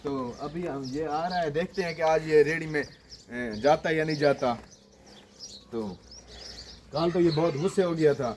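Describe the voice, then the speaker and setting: A man's voice: a little high, unhurried, long pauses. A man on a farm talking to the camera while calling and coaxing an animal, with repeated calls. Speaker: vlogger. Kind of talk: casual outdoor vlog. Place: outdoors on a farm. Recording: distant mic with loud outdoor noise.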